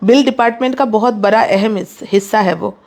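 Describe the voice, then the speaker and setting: A woman hosting a live saree sale, urging viewers to book fast in quick, pushy patter mixed with English. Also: mid-range voice, darkish tone. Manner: rapid, pushy sales patter, mixing English in. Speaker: online saree seller. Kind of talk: live sales stream.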